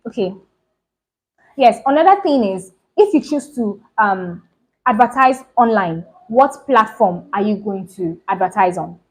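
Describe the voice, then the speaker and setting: A woman hosting her own channel, giving a casual lesson on running a clothing business, talking fast and often checking "do you understand?". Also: medium pitch, animated, darkish tone, rough recording. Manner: talks fast, repeats points, keeps asking "do you understand?". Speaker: fashion business channel host. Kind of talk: casual instructional talk to camera.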